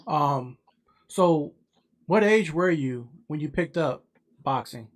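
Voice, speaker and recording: Podcast host guy, talks real slow, kinda high voice. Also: expressive. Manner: unhurried, brief questions and affirmations. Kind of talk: casual podcast interview.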